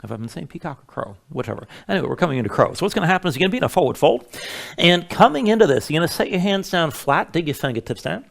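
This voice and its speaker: A man's voice: fairly high pitch, lively intonation, racing, creaky, fairly bright tone. A man instructing a yoga class, giving step-by-step cues in a casual, informal way.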